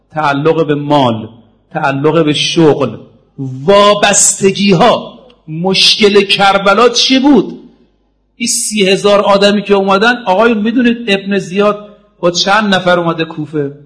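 A man preaching a sermon, emphatic, slowing down for quotations and swinging his pitch for drama. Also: a bit bright. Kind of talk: sermon to a congregation.

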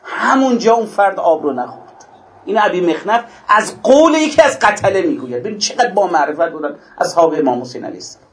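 A male preacher giving an impassioned mourning sermon, rising to exclamations and then dropping low. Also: very animated. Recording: echoey hall.

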